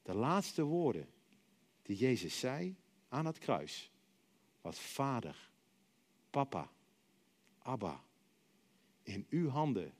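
A middle-aged man preaching a sermon. He tells stories dramatically, acts out other voices, and lets many phrases sink to a soft, quiet finish. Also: a little high. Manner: dramatic storytelling, acting out voices and dropping to soft, quiet endings.

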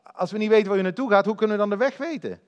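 A man's voice: sits high, rapid-fire, voice pushed up, lightly acted. A man voicing a blunt, confused male disciple who pleads with exasperated questions.

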